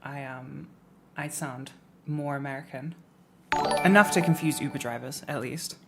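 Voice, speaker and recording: Over loud music, a young woman from England chats casually on a stream in a low voice with vocal fry, keeping a measured pace. She rambles with plenty of "likes" and "ums" and indulges in playful rants.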